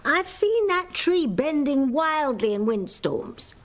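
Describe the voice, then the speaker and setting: A woman's voice: high-pitched, sing-song, slow pace, heavily acted. An actress playing a scheming old witch who feigns sweetness, theatrical and conspiratorial, in a soap opera. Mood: falsely reassuring. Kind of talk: daytime soap opera acting. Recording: music under the dialogue.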